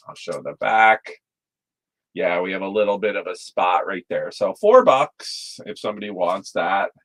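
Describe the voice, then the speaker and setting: Bright-voiced, low-pitched man hosting an auction stream. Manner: laid-back, rambling, chatty with fillers. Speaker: live auction stream host. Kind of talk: casual live-stream sales patter.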